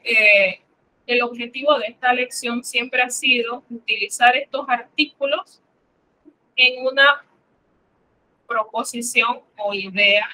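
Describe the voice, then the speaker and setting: Slow, bright-voiced woman teaching French. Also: on the high side, poor audio. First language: Spanish. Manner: explanatory, repeats examples for students. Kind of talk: classroom lesson.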